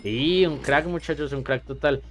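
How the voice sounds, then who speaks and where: A man giving chatty, excitable let's-play commentary and talking straight to his viewers. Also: mid-range voice, normal speed, over music. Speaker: gamer.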